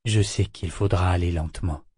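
Man reading a gruff, grave man. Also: deep voice, fairly even intonation, normal speed, darkish tone, dry recording, clean studio sound, voice pushed down.

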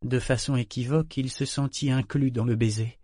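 A man giving a measured, scripted audiobook narration on a close studio mic. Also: mid-range voice, steady tone, warm tone, husky, no room sound.

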